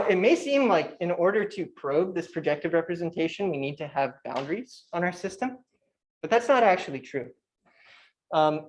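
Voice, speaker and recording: A young man giving a technical conference talk, talking quickly with frequent fillers and restarts. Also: on the high side, low-quality recording. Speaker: conference speaker. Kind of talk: academic talk.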